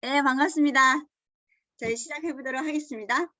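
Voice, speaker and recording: A woman's voice: sits high, brisk, pushed and bright, dry recording. A woman hosting an online Zoom seminar, greeting everyone and introducing the speaker in an upbeat emcee manner over a video call. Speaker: seminar host.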